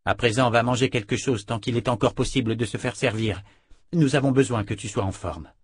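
A man's voice: medium pitch, fairly quick, husky, no echo, clean studio sound, lightly acted. A man voicing a proud, commanding woman leader who speaks firmly and with authority. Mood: brisk. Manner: authoritative, firm.

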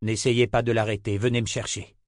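A grim, wounded swordsman, voiced by a male reader speaks low and firm in short, clipped phrases. His voice is deep and dry, close to the mic. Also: level tone, fairly quick, no room sound, natural voice.

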